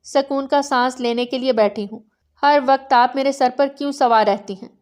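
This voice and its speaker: A bitter young bride voiced by a woman answers sharply and firmly. The voice is fairly high. Her lines are read out in a novel narration. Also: fairly even intonation, lightly acted. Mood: defiant. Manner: sharp, defiant.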